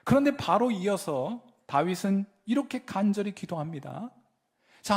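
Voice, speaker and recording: A man preaching a sermon as pastor in a church, moving from hushed asides to loud fervent pleading. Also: high-pitched. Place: church sanctuary.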